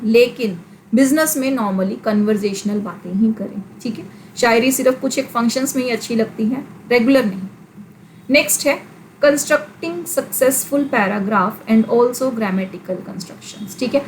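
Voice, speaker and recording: A woman teacher, lecturing slowly and explaining with everyday examples, mixing English terms into Hindi. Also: fairly high pitch, a little hiss or hum, poor audio. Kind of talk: classroom lecture.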